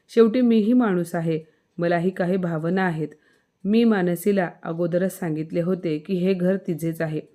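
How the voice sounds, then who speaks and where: A woman's voice: on the low side, warm tone, close to an everyday voice. A woman voicing a hurt, angry young husband in a spoken story.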